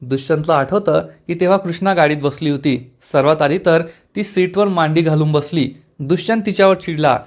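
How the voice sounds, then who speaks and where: A man's voice: on the high side, moderate pace, few pauses. A man enthusiastically narrating a recap of a TV serial episode for his viewers. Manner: enthusiastic, retelling.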